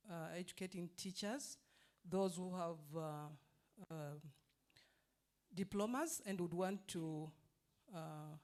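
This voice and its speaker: A woman from Zambia with a Zambian English accent, a university founder, giving a measured report with many fillers at a convention. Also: fairly low pitch, a little mellow. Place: convention hall.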